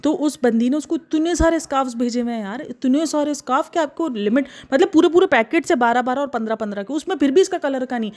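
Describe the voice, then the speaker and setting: A woman running a reaction vlog, chatting in an animated, gossipy way. Her voice sits a bit high, and she often sounds exasperated. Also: quick pace, few pauses. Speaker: reaction vlogger. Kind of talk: casual commentary.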